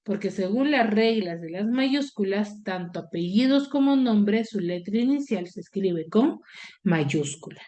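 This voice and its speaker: A woman's voice: medium pitch, lively intonation, measured pace, mellow. A woman teaching an online class. She explains step by step and keeps checking in with her pupils through short questions. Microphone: video call.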